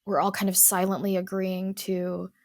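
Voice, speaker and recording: A woman counselor guesting on a podcast, talking in a thoughtful, measured way and often stopping to qualify her points. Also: mid-range voice, monotone, darkish tone, no room sound, clean studio sound. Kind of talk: casual podcast conversation.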